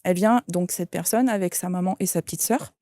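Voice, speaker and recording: A woman's voice: lowish voice, fairly quick, warm tone, no echo, studio quality. A woman, a shaman and medium, telling an anecdote in an interview and quoting the people in it. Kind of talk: interview storytelling.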